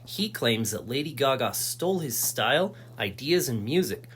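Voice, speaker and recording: A man's voice: medium pitch, sing-song, normal speed, a bit bright, slight background noise. A man narrating a comic video intro in a mock-serious documentary tone.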